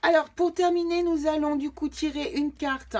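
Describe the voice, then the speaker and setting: A woman's voice: high-pitched, steady tone, normal speed, a little mellow. A woman giving a casual tarot reading to camera, chatting directly with her viewers. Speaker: tarot card reader.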